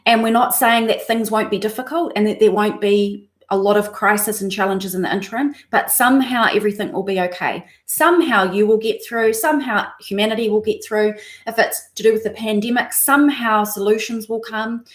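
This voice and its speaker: A woman's voice: medium pitch, fairly quick, few pauses. A woman coach leading a guided breathing exercise on a live stream, speaking in a reassuring way and often checking in with the listener. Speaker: mindset coach. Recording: roomy echo.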